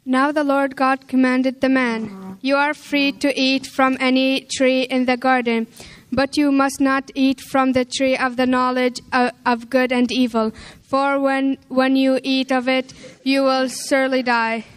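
A woman's voice: high-pitched, flat delivery, a little slow, clean tone, no echo. A young woman narrating a scripture passage in a church play, stumbling and restarting words. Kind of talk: reading scripture aloud in a play.

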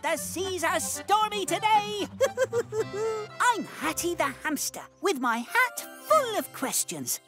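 A woman's voice: extremely high pitch, big pitch swings, slow, heavily acted. A woman voicing a cheerful male hamster guide in a children's cartoon, bouncy and sing-song. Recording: music bed under voice.

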